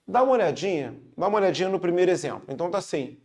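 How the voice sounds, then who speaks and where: A man's voice: high voice, lively intonation, very fast, darkish tone. A man with a Brazilian Portuguese accent teaching a casual online grammar lesson, chatty and upbeat, checking in with his students after every point.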